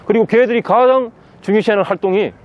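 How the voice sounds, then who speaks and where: A man's voice: sits high, fast talker, lo-fi sound. A man giving an impassioned outdoor interview, pressing his points by repeating the same words again and again. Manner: insistent, hammers key words again and again. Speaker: interviewee, political commentator. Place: outdoors in a city.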